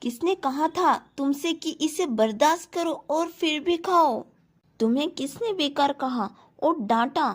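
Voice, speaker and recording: A woman voicing a calm, caring male duke who speaks gently and reassuringly to his adopted daughter, in a storybook retelling. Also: high voice, slow, no echo, exaggerated voice. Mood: stern concern.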